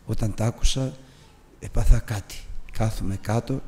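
A man preaching a sermon in a church, telling a personal story as a lively storyteller and putting questions to the congregation. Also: on the low side, slight background noise. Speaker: pastor. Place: church hall. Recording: long reverb of a church hall.

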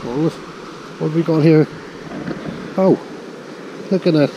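A man's voice: a little high, slow pace, lo-fi sound. A man from Ireland giving wry, casual running commentary while magnet fishing on a grassy riverbank, filmed on a head-mounted camera. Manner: wry, chuckling at small finds while hauling rope. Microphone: head-mounted action camera. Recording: outdoor wind noise.

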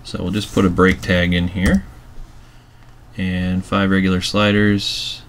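A man calmly walking through a website editing tutorial step by step, with keyboard typing behind him. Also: low voice, measured pace, a little hiss or hum. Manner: calm step-by-step explaining while working. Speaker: tutorial presenter. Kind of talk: screencast software tutorial.

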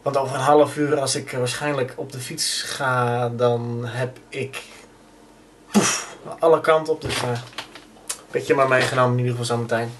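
A man's voice: mid-range voice, steady tone, normal speed, a little hiss or hum. A young man chatting casually to a handheld camera as he films himself, rambling with lots of fillers, from his attic room to the street and a train. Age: young adult. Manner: rambling, many fillers, self-filming while walking and travelling. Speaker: vlogger. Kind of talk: casual vlog chat. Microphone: handheld camera at arm's length.

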